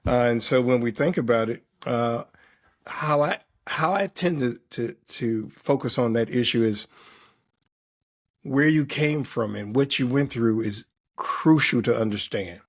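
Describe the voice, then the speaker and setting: Speaking a little slowly in a mid-range voice, a male performance coach aged fifty or more responds to interview questions. His answers are emphatic and reflective, often built from lists of repeated words.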